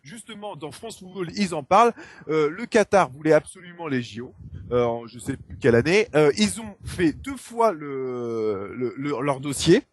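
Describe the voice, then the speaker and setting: A man's voice: a little high, very animated, normal speed. A man hosting a football debate show, contradicting a guest and then turning questions to the panel. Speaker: host.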